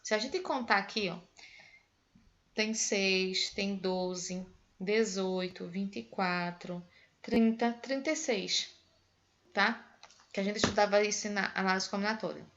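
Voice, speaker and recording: A woman with a Pernambuco Brazilian accent teaches math over a video call, patiently counting through each example step by step. Her voice sits in a middle pitch range. The online class audio is dull and lo-fi. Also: takes it slowly, a bit bright, slight background noise. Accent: Pernambuco Brazilian Portuguese. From Northeast Brazil.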